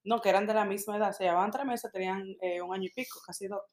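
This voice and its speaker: Brief: middle-aged woman, quick emphatic storyteller, roomy echo. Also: mid-range voice. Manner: animated storytelling, emphatic repetitions. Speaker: podcast co-host, mother. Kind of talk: casual chat. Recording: echoey room.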